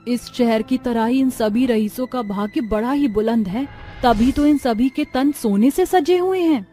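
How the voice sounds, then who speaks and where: A woman's voice: a little high, unhurried, dark tone, faint music behind, natural voice. A woman voicing a wide-eyed little girl. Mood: marveling. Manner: childlike, marveling. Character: five-year-old girl, wide-eyed and wondering.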